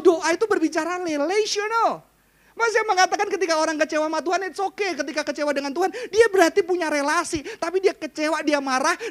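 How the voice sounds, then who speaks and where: High-voiced pastor. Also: male voice. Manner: conversational, quizzes the audience, swings between hushed and loud. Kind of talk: sermon.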